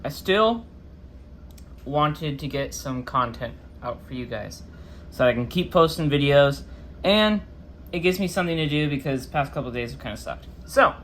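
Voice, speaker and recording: A man's voice: fairly high pitch, pushed and bright, slight background noise. A man hosting a casual, chatty product review, his speech slightly impeded by a swollen face after having wisdom teeth out. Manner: informal, chatty. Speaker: host of a knife review channel.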